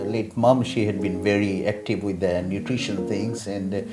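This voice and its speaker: A man hosting a casual interview show, chatty and quick to laugh as he asks questions. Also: lowish voice, fairly even intonation, roomy sound. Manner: warm, chatty, laughs often. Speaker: talk show host.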